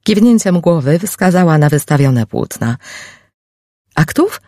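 A woman reading a first-person novel aloud as audiobook narrator, calm and even. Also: extremely low pitch, moderate pace, gravelly, no room sound, clean studio sound.

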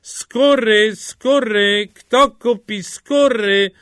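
A man voicing a greedy, envious rich peasant who talks gruffly and shouts his wares. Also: on the high side, huge pitch swings, slow pace, no room sound, studio quality, heavily acted. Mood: greedy hawking.

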